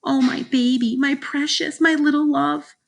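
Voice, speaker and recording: A woman's voice: low-pitched, moderate pace, a bit bright. An emphatic, fretful mother from a children's audiobook, performed by a woman. She has a motherly way of talking, swinging between doting and stern. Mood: doting, alarmed.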